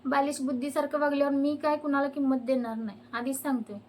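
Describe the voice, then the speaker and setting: A woman's voice: sits high, fairly even intonation, fast talker, darkish tone, a little hiss or hum. A young woman, venting her fed-up complaints about neighbours straight to her viewers as a vlogger. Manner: fed-up ranting. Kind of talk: complaining to camera.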